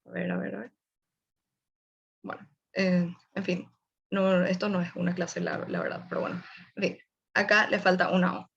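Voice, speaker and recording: A woman's voice: lowish voice, level tone, normal speed, vocal fry, long pauses, fairly bright tone, slightly rough, muffled recording. A young woman gives a casual online webinar presentation, explaining tips and speaking directly to her audience. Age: young adult.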